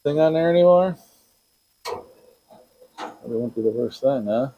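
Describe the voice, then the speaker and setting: A middle-aged man rambles along at an unhurried pace while he works in his workshop, chatting to himself as much as to the camera. His voice rises and falls a great deal, and it sits close and dry on the mic. He is a playful DIY vlogger. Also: mid-range voice, lively intonation, no echo, dull audio. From Wisconsin. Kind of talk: casual talk to camera while working.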